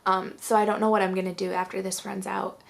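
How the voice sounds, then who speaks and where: A woman's voice: medium pitch, level tone, quick pace, creaky. An out-of-breath woman, chatting casually through a product review full of "um" and "like". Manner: chatty, fillers like "um" and "like". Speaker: beauty vlogger.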